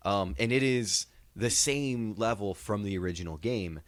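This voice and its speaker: A man's voice: on the low side, normal speed, no echo. A man co-hosting a podcast in casual chat, laid-back and rambling, laughing often. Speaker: podcast co-host.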